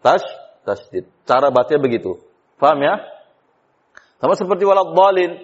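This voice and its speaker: A man's voice: on the high side, big pitch swings, moderate pace, breathy edge. A man teaching Quran recitation rules in a class, explaining step by step, quizzing students with questions and sometimes chanting the examples. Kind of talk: classroom tajwid lesson. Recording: dull lo-fi class recording.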